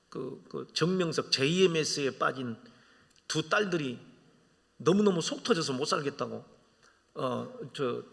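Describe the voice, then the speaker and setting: A man's voice: on the high side, vocal fry, fairly bright tone. A man in his fifties preaching a sermon as a guest preacher, telling jokes and stories. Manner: joking, storytelling preacher. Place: church sanctuary. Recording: reverberant church hall.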